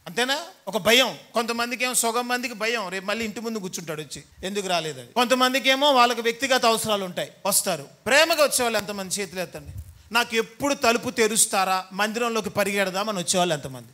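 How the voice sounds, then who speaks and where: A man's voice: sits high, animated, quick pace, hardly any pauses, pushed and bright. A man preaching a sermon to a congregation in a church hall, teasing and scolding his listeners and acting out the voices of people in everyday scenes. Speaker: pastor.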